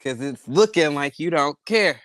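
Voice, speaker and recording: A man's voice: on the high side, lively intonation, moderate pace, a bit bright, dry recording. A man in casual chat, off-mic, at one point talking someone through a coughing fit.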